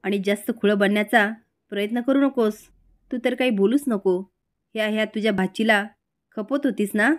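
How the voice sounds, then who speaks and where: A woman's voice: medium pitch, normal speed, natural voice. A woman voicing an angry middle-aged village mother who scolds and accuses her brother. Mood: scolding.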